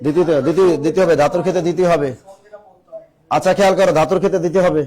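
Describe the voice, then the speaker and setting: A man's voice: on the high side, fairly even intonation, very fast, warm tone. A male teacher giving a classroom lecture, repeating key phrases and quizzing his students. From Bangladesh.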